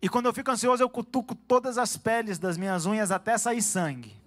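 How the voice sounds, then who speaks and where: High, bright-voiced fervent male preacher. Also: soft background music. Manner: fervent, rising to shouts, quick asides to the congregation. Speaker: pastor. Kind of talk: sermon. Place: church.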